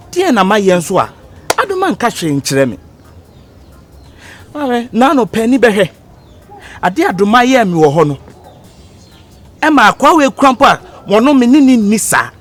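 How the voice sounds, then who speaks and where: A man's voice: sits high, noisy background. A Ghanaian man acting a pestering young suitor, pleading and repeating his girlfriend's name. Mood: aggrieved. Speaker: lovesick suitor. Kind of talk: Twi film acting.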